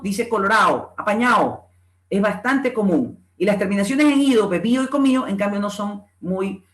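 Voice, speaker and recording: A man's voice: high voice, a bit bright. A man giving a conference lecture at a reading club, explaining his points and repeating example words to show how they are pronounced. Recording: echoey room.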